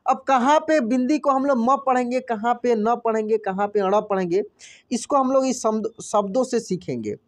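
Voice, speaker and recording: A man teaching a reading lesson, who spells words out slowly, says each one twice and keeps asking the listener what is written. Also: extremely high pitch. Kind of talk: classroom-style reading lesson.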